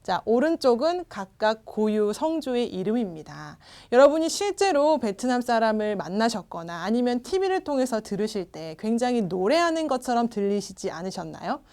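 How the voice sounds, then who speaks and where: A woman gives a recorded pronunciation lesson in a fairly high, lively voice that rises and falls a lot. She is patient and opens each step with a short prompt. She says every example sound twice so learners can copy it. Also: moderate pace, few pauses. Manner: patient, starts phrases with "자" and models sounds twice. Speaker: language teacher.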